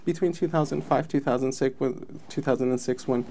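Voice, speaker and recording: With a mid-range, mellow voice and a slightly fast pace, a film commission president from Mexico answers an interviewer earnestly and reflectively; a little hiss or hum is present. He is in his thirties and a native Spanish speaker.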